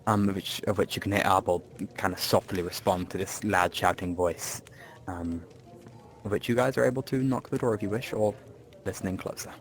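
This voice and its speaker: Male game master with a low voice, loose and rambling narration. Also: steady tone, brisk, faint music behind. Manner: rambling narration with many ums, laughs and restarts.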